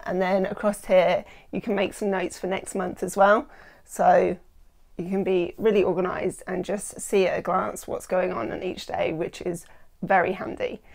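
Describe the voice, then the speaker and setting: A woman's voice: medium pitch, darkish tone. A woman in her thirties chatting enthusiastically on a renovation vlog, recorded indoors at home on a lapel mic. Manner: enthusiastic, chatty, lots of ums. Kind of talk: casual vlog narration. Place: house under renovation, indoors.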